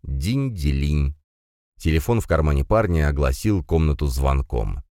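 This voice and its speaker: A man narrating a story in an expressive, animated reading. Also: a bass voice, a little fast, no echo, clean studio sound. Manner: reads with lively, animated intonation. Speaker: audiobook narrator.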